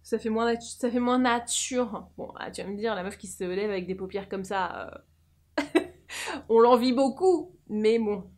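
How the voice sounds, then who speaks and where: A fairly high-voiced woman talks through her make-up routine. She is chatty and playful, full of little fillers and asides. Recorded close to a camera mic. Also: unhurried, a little mellow. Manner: chatty, jokey, lots of fillers and laughs. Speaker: beauty vlogger. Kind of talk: casual make-up tutorial chat.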